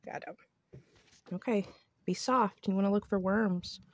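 A woman in her thirties, a homestead vlogger, records a chatty how-to outside on her porch with a handheld phone. She speaks a little slowly at medium pitch, and there's no echo.

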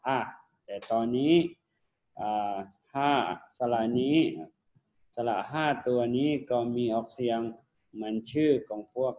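A young man leads a phonics lesson for children, sounding out each letter at a very slow, drawn-out pace and switching between Thai and English. His voice sits at an ordinary pitch. The recording is dull and lo-fi. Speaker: teacher.

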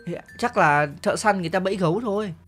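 A man's voice: high voice, fast, a bit bright, soft background music. A man hosting a game video, chatting casually and teasing jokingly as he plays. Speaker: gaming channel host.

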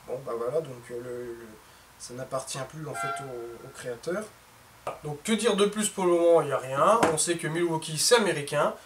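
This is a woodworking workshop host in his thirties, his voice a little high and animated at a normal pace, doing a casual tool unboxing for viewers he calls "les gars." He's in a cluttered home workshop indoors. The camera mic sits at a distance, leaving a roomy echo and some faint noise.

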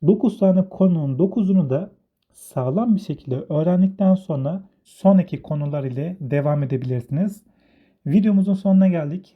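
Man teaching basics on a tinny line. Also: on the high side. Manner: slow, step-by-step, repeats each word in both languages. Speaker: English teacher. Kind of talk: explaining a beginner English lesson. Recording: tinny phone-like sound.

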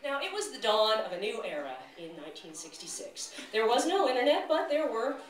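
A woman's voice: on the high side, sing-song, a little fast. A woman giving a comic spoken word performance live, reading in a dramatic storytelling way. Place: live venue indoors, an art gallery. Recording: very echoey room from far off, audience laughter. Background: audience laughing.

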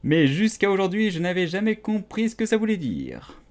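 A man voicing a curious young girl, musing aloud in a lighter, higher voice. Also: very animated, moderate pace, a little mellow.

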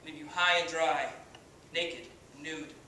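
A young man playing a cocky, foul-mouthed baseball star, giving a swaggering halftime pep speech with deliberate pauses. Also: fairly high pitch, steady tone, bright, forceful tone, heavily acted. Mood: solemn, grandiose. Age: young adult. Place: indoor hall, stage area, far camera. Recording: distant, very echoey room, faint noise.

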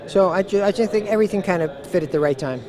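A man with a fairly high voice gives a measured assessment with a few fillers. He is recorded at an outdoor event with a crowd murmuring behind him. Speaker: horse industry interviewee.

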